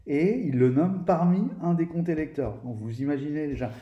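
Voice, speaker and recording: Speaking a little fast in a fairly high voice, this man reviews a tabletop game book casually and talks straight to his viewers. His delivery is halting, full of fillers and restarts. The muffled audio carries a roomy echo and some faint noise behind him.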